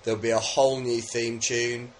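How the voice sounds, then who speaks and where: A man's voice: mid-range voice, flat delivery, normal speed, a little hiss or hum. A man from England co-hosting a podcast in casual, rambling, jokey chat. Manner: jokey, rambling, with many fillers. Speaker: podcast co-host.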